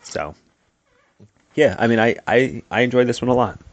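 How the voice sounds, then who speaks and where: A man's voice: medium pitch, animated, normal speed, no echo, dull audio. A man co-hosting a comic book podcast, chatting casually and laughing often as he talks. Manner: easygoing, laughs often while talking. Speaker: podcast co-host. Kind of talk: casual chat.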